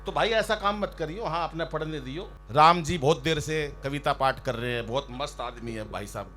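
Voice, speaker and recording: A man performing as a comic poet on stage, ribbing fellow poets and telling jokey stories in a loud, teasing manner. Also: on the high side, fairly quick, faint music behind. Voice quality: loud, ribbing, storytelling with mock shouts. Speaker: stand-up poet. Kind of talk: humorous poetry recital banter. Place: outdoor stage by a river.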